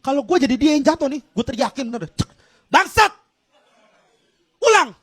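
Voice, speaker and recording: A man's voice: very high-pitched, fast, darkish tone. A man with a Jakarta Indonesian accent performing stand-up comedy as an escalating rant, exclaiming and acting out bits of dialogue.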